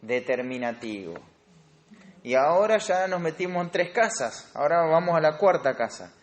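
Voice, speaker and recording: A man's voice: fairly high pitch, expressive, normal speed. A man with a Rioplatense Spanish accent teaching a Bible study class on grammar, explaining step by step and quizzing his students. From Argentina. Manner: explanatory, asks the class questions.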